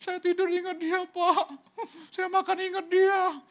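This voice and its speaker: A man's voice: on the high side, flat delivery, fast, fairly bright tone, breathy edge, voice pushed down. A man preaching voices a grief-stricken widowed businessman who pleads and repeats himself. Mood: grieving. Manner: pleading, repeats the listener's title.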